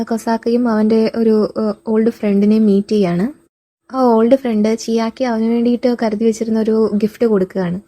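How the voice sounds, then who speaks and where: A woman narrating a casual recap of a drama series, retelling scenes and quoting the characters in a plain voice with drawn-out fillers. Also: a little high, dark tone.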